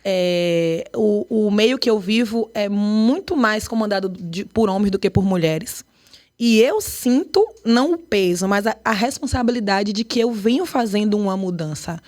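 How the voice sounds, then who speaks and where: A woman from Bahia with a Bahian Portuguese accent, a dance choreographer and artistic director speaking in a podcast interview with animated emphasis. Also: medium pitch, normal speed. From Brazil, Bahia. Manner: animated, emphatic, lively storytelling.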